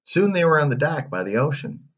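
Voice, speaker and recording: A man reading a children's story aloud, animated, with playful asides. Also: a little high, brisk, muffled recording.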